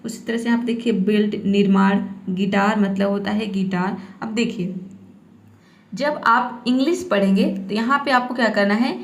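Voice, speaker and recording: A woman's voice: mid-range voice, moderate pace. Woman teaching phonics in an echoey room. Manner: explains step by step, often adds "theek hai". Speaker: English teacher. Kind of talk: spoken phonics lesson.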